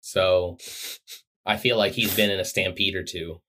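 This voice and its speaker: A man co-hosting a podcast, chatting casually and teasing his friend with playful, deadpan jokes. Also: low-pitched, measured pace. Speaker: podcast co-host. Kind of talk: casual chat.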